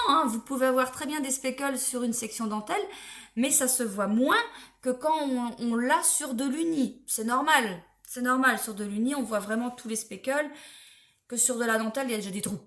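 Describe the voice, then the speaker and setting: Lady chatting about her knitting, kinda high voice, rambly, checks stuff as she talks. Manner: chatty, rambling, restarts and checks things aloud. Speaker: knitting vlogger. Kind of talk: casual chat.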